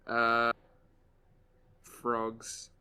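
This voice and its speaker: Bright-voiced Australian man, dry jokes. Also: mid-range voice, monotone, very slow, clear, resonant tone. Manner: dry, jokey asides. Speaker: co-host. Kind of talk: casual chat while drawing.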